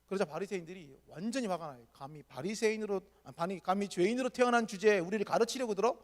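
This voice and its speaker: A man preaching a sermon as a pastor, retelling the story lively and acting out the people he quotes. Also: high-pitched, fast talker. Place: church hall. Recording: long hall reverb.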